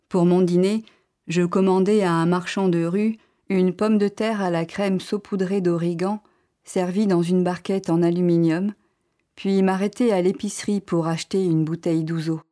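A woman narrating a literary story in the first person, reading in a calm, measured way. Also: on the low side.

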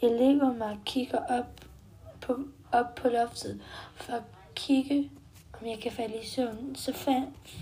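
Woman storyteller, first-person kids' tale, simple sentences, mellow tone. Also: fairly high pitch. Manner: simple short sentences, step-by-step telling.

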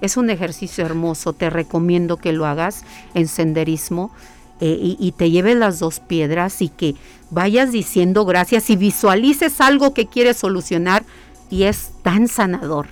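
She's a spiritual hiking workshop leader talking about her practice as an interview guest, speaking earnestly at a steady, relaxed pace. Her pitch stays in the middle of her range; she tends to repeat phrases and ask herself rhetorical questions, and soft music sits in the background.

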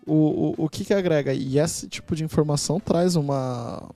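A man's voice: on the high side, normal speed, mellow. A man chatting casually on a podcast, joking and teasing. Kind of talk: casual chat.

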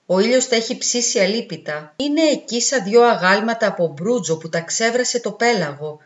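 A woman reading a literary story aloud in a calm, measured way. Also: mid-range voice. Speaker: audiobook reader. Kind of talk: literary narration. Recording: roomy, dull, with faint music.

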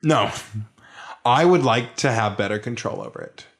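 A man with a loud voice chatting as a podcast guest, joking and sarcastic. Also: medium pitch, huge pitch swings, normal speed, gravelly. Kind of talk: casual chat.

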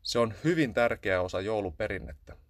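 A man's voice: lowish voice, lively intonation, dry recording, studio quality, lightly acted. A man voicing a scheming, nosy house cat in a storybook, talking in a sly, coaxing way. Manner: coaxing, sly, pointedly loud.

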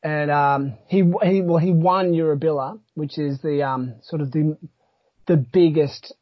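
Aussie guy hosting a podcast, rambly and keen, husky voice, muffled lo-fi sound, casual chat. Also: fairly high pitch, fairly even intonation, no echo. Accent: Australian. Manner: rambling, halting, enthusiastic. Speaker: podcast host. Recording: dull, lo-fi sound.

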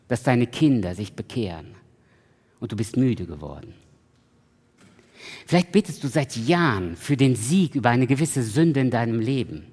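A man preaching a sermon in a church, swinging from loud emphatic peaks to soft pleading and slowly repeating a refrain. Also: medium pitch. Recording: long hall reverb.

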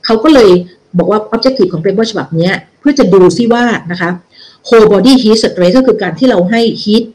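A woman's voice: mid-range voice, normal speed, darkish tone, low-quality recording. A woman giving a lecture on a research paper, explaining it step by step in a loose, self-correcting way. She mixes English medical terms into her talk and keeps checking that listeners are following. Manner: explanatory, with frequent check-in questions. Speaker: health educator.

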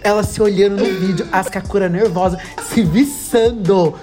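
A woman's voice: mid-range voice, fast, faint music behind. Chatty young woman spilling gossip. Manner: animated, swears freely, calls friends "amiga" and "gata". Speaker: podcast co-host. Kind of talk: casual gossip chat.

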